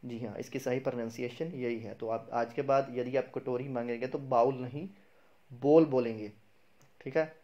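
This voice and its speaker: A man's voice: medium pitch, steady tone, mellow, muffled recording. Man teaching pronunciation step by step. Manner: repeats words slowly, asks and answers own questions. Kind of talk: explanatory video lesson.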